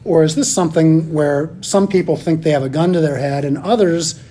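A man's voice: fairly high pitch, normal speed, dark tone, a little hiss or hum. A man hosting a podcast, interviewing guests in a conversational style. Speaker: podcast host.

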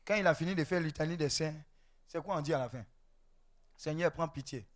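A man preaching a charismatic sermon, calling out to the congregation, swinging between shouts and low, quiet stretches. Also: fast. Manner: call-and-response, shouting and then dropping low, exclamations.

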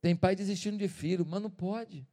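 A male pastor preaching a sermon, telling the story in an animated, dramatic way. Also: sits high, fairly quick. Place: church. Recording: reverberant church hall.

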